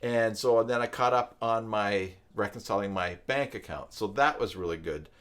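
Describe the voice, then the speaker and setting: Talking at a moderate pace in a lowish, slightly bright voice, this man in his fifties is a live stream host and tutorial maker. He rambles casually and conversationally from a downstairs room in his home.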